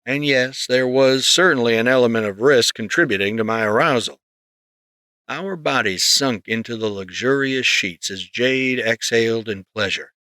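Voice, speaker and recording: A man narrating a story in the first person, reading in a steady, measured way close to the mic. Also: mid-range voice, dry recording. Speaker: audiobook narrator.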